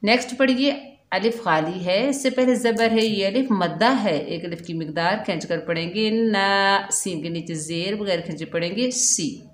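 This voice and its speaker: A woman teaching Quran recitation slowly and patiently, drawing out the recited words in a chant. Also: mid-range voice, reverberant. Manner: slow, patient explaining with drawn-out chanted recitation. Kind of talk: step-by-step recitation lesson.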